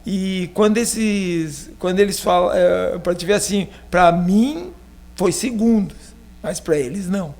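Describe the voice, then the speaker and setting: This pastor, a man from Rio Grande do Sul with a southern Brazilian accent, speaks a little slowly in a high, gravelly, slightly mellow voice. Being interviewed on a podcast, he shares a personal story casually, meandering and filling it with fillers.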